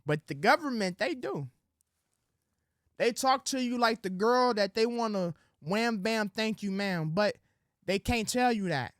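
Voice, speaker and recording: In clean, studio-quality sound with no room noise, a high-voiced man preaches civic duty in street slang. He hosts direct-to-camera political commentary, calls on ladies and gentlemen, and acts out quotes in a soft sweet-talk voice.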